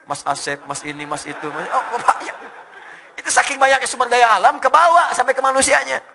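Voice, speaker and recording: A man with an Indonesian accent preaching a lively sermon, joking and mimicking foreign speakers, swinging from soft to loud. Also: extremely high pitch, fast, creaky, a little hiss or hum. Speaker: Islamic preacher. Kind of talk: lively sermon to young people.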